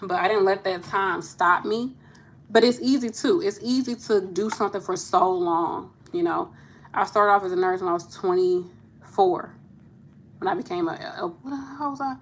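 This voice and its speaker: A woman's voice: medium pitch, normal speed, a little hiss or hum. A woman in her thirties, a nurse hosting a casual live chat with viewers, talking candidly and laughing easily. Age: 30s. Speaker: nurse and channel host.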